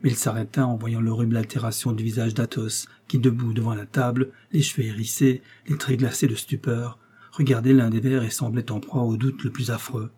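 A man narrating a classic adventure novel as an audiobook, in a steady and dramatic reading. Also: medium pitch, fairly quick, breathy edge.

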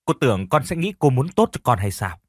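A man's voice: mid-range voice, sing-song, a little fast, no room sound, studio quality. A man voicing a young woman niece who argues back and then pleads in a told story. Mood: defiant. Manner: pleading, defiant, sobbing speech.

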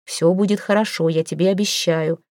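Woman reading a protective young man in a storybook, quiet, low-key and gently reassuring. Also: brisk, no echo, clean studio sound, close to an everyday voice. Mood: soothing. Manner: soft, calm, reassuring. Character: steady, protective young man comforting a friend.

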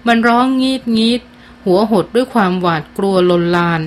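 Narrating a novel for an audiobook, a female reader delivers the scripted text in a mid-range voice, keeping her storytelling measured yet expressive.

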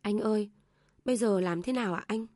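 A woman voicing a gentle young wife who speaks softly through tears. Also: medium pitch, a little fast, no room sound, studio quality, natural voice. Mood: pleading. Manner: soft, tearful pleading.

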